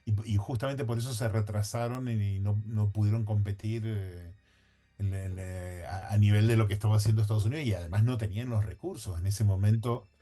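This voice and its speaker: A man's voice: fairly low pitch, warm tone. A man talking as a podcast guest, thinking aloud in a hedging, conversational way with frequent restarts and self-corrections.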